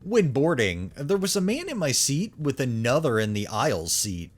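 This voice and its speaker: A man's voice: medium pitch, moderate pace. A man hosting a story channel, reading online posts aloud with brief commentary of his own. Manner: animated, swinging intonation. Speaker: narrator and host of a story channel.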